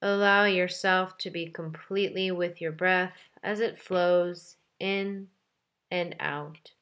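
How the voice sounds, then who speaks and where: Very slowly, a woman whose voice is slightly low guides listeners through meditation as a yoga teacher and meditation guide. Her tone is gentle and calm, with measured directions separated by intentional pauses.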